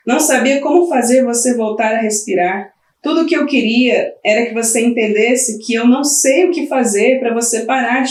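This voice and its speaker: A woman's voice: on the high side, lightly acted. A woman voicing a worn-out new mother pleading with her baby, weary and close to tears. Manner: weary, pleading, breaking into tearful cries. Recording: roomy, from the mic at a distance.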